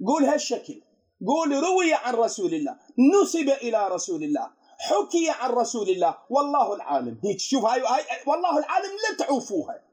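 A man with an Iraqi Arabic accent teaches religious students as a cleric. His voice sits very high and he talks quickly, often posing questions to his listeners before answering them himself. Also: a little mellow. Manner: explanatory, poses rhetorical questions to his students. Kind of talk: religious lesson.

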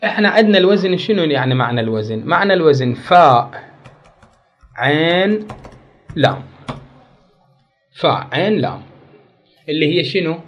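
A man's voice: fairly high pitch, sing-song, normal speed, pauses often, soft background music. A man teaching an Arabic grammar lesson, repeating key words and quizzing his class with questions. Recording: dull lo-fi recording.

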